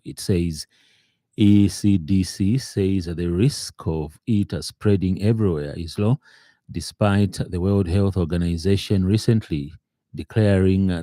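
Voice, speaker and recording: A Zambian man reads scripted radio news in a very dark, low voice. His delivery is formal and measured, somewhat halting, and the studio sound is dry and close with no room sound.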